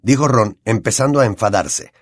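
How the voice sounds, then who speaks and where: A man with a Latin American Spanish accent narrating an audiobook in an expressive storytelling way. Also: lowish voice, normal speed, dry recording, clean studio sound.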